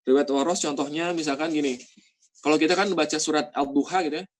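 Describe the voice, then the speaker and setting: A man teaching Quran reading in a casual lesson, explaining patiently and drawing out example recitations slowly. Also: fairly high pitch, fairly even intonation.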